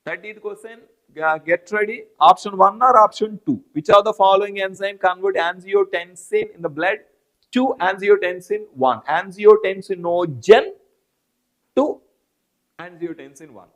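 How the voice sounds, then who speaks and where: Brief: higher-pitched Indian English male teacher, repetitive, calls students by name. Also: moderate pace, a bit bright. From South India. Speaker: biology teacher. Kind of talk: live online class.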